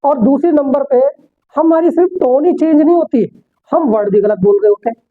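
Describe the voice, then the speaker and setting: A man's voice: very high voice, brisk. A man teaching an English class, explaining step by step and answering his own rhetorical questions. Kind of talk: classroom lecture. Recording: tinny phone-like sound.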